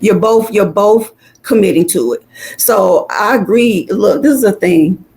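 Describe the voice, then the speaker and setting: A woman's voice: medium pitch, expressive, measured pace, gravelly, darkish tone. An older woman speaking bluntly and emphatically in an opinionated group discussion, sounding exasperated. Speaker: panel speaker.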